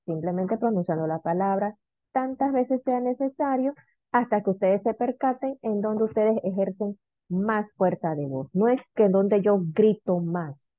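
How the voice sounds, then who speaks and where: A woman teacher giving an online lesson, drawing out example words slowly as she repeats them. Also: mid-range voice, dry recording. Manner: slow, drawn-out repetition of example words. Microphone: video call. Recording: dry, phone-like video call audio.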